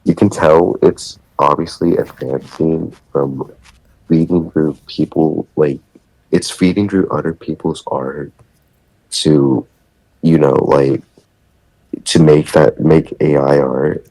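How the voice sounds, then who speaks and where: A man talking as a podcast guest, hesitant and halting, laughing often. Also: very deep voice, fairly even intonation, a little mellow, no room sound, rough recording. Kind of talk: casual podcast chat.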